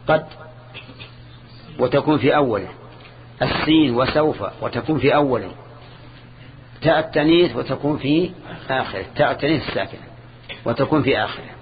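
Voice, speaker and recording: An older man gives a grammar lesson in a measured, repetitive way, stopping to quiz his students. His voice is pitched in the middle range. It comes through a dull, lo-fi old tape with a faint hiss underneath. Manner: measured, repeats key terms, quizzes students. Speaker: sheikh teaching Arabic grammar. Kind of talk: classroom lesson.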